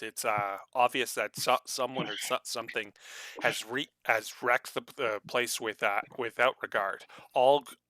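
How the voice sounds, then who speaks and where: A man runs a tabletop game as game master. His voice is bright and forceful, recorded very dry and close. His narration halts often, with many restarts and fillers. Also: mid-range voice, no echo. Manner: halting, full of fillers and restarts.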